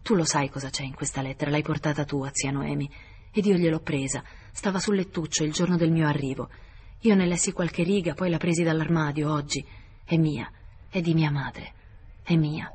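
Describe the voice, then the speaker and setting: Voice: mid-range voice, steady tone, moderate pace, darkish tone, husky, natural voice. Reader doing a young guy at his wits end, pleading, half whispered, audiobook style. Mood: bitter. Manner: emotional, pleading, sometimes whispered. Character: young man, anguished and impulsive nephew. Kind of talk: audiobook character voice.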